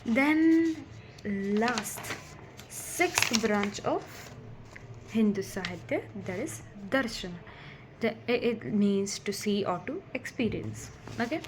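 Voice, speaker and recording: Woman explaining stuff on her vlog, slow and chatty, gets excited, hissy home camera audio. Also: fairly high pitch. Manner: chatty and excitable, with many restarts and asides. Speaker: vlogger explaining scriptures.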